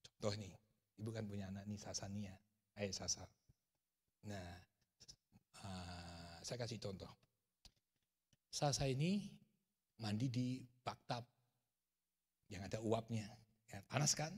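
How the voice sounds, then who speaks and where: A middle-aged man preaching a sermon to a congregation, telling animated stories and sometimes raising his voice sharply. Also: lowish voice, unhurried, pauses often, breathy edge, big-room sound. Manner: animated storytelling, shouting in acted quotes. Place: church.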